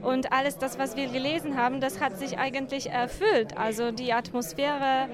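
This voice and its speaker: A woman's voice: sits high, steady tone, moderate pace. A young woman in her twenties from Poland, a native Polish speaker with a Polish accent, explaining earnestly in German as an exchange student. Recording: crowd and music behind.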